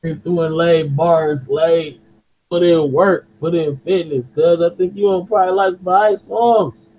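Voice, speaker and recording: A man from Detroit with a Detroit accent, talking in animated slangy chat on a podcast. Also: on the high side, measured pace. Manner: animated, slangy, repeats himself. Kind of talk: casual chat. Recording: dull lo-fi sound.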